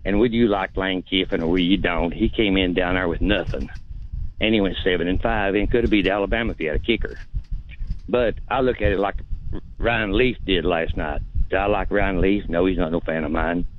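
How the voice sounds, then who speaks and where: A man's voice: low voice, brisk. A man calling in to a sports radio show over a phone line, blunt and rambling in a folksy way. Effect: heard over a phone line. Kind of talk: casual call-in opinion.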